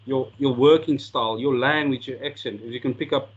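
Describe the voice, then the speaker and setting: Steady in tone and mid-range in pitch, this Afrikaans-speaking South African coaching lecturer talks fairly quickly with a breathy edge. He presents slides earnestly and often restarts sentences, repeating words along the way. The recording is muffled.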